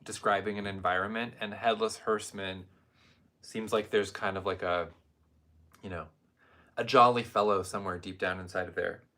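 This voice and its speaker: A man's voice: fairly low pitch, steady tone, moderate pace, pushed and bright. A man co-hosting a casual perfume review, rambling with wry jokes and asides. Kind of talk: casual chat.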